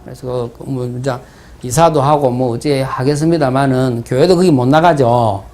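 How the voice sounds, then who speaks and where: A man's voice: medium pitch, normal speed, dark tone. A man with a Gyeongsang Korean accent, preaching a sermon as pastor, asking the congregation rhetorical questions and telling stories in dialect. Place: church sanctuary.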